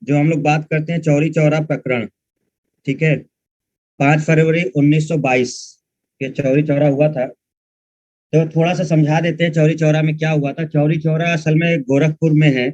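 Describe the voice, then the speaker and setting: A man's voice: fairly high pitch, steady tone, normal speed, darkish tone, no echo. Scolding male history teacher, dry close sound. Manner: scolding, informal teacher talk to students. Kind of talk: online lecture. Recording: dull, dry, muffled sound.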